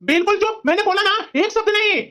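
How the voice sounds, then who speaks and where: A woman voicing an angry young husband in a cartoon story, harsh and accusing, talking fast in a high voice. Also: background noise. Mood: furious. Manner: shouting, scornful.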